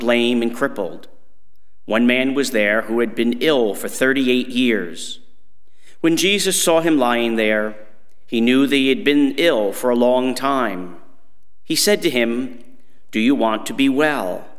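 A middle-aged man, a priest, reading scripture and preaching at Mass in a measured, solemn manner. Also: medium pitch. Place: church sanctuary, standing at lectern. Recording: echoing church with long reverb.

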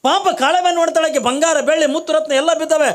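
Male sermon preacher, North Karnataka Kannada accent, high voice, repetitive lively storytelling to a congregation. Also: quick pace. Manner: animated storyteller, repeats phrases and addresses listeners directly. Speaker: religious preacher.

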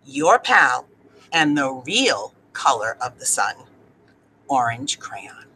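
Middle-aged woman, huffy storybook reading, animated, unhurried, faint room noise. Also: a bass voice, rough recording. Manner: huffy, emphatic. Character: huffy, boastful orange crayon. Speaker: school staff member reading aloud. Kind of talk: dramatic children's storybook reading. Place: indoor office or classroom. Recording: clear background room noise.

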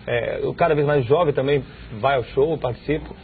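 A man in his thirties interviewing a guest in a TV studio, asking quick, lively questions on a lapel mic. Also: medium pitch, creaky, slight background noise. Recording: tinny lo-fi broadcast audio.

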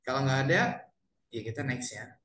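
An English teacher explains sentence patterns to his class over a video call, translating each example as he goes. His voice sits at an ordinary middle pitch for a man. The room around him is noticeably echoey. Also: expressive, normal speed, a bit bright. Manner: asks learners for questions in a friendly way. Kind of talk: online English lesson.

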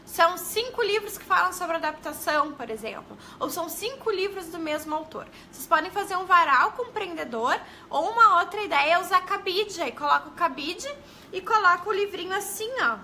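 This young woman, an early-literacy educator from Brazil, speaks with a Brazilian Portuguese accent in a bright, high voice. Chatting casually through a live stream, she says hello to viewers and keeps ending sentences with questions, her tone sharp and forward. A faint hiss or hum sits under the recording.

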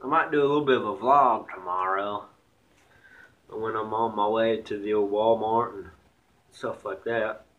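A man's voice: fairly low pitch, fairly even intonation, normal speed, fairly bright tone, highs cut off. A young man with a slight Southern country accent, rambling bluntly and swearing in a casual vlog rant. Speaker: vlogger.

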